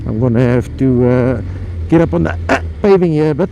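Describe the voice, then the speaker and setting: A South African motovlogger rides his motorbike through town, chatting casually and rambling into a helmet mic, with fillers and playful rhymes. His mid-range voice is gravelly yet mellow, brisk, and lively in intonation. Road and wind noise fill the outdoor recording.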